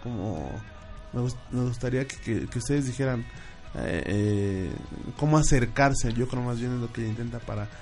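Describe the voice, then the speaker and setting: A man hosting a faith talk show, reading out viewer questions with many halting restarts. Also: medium pitch, a little mellow, soft background music.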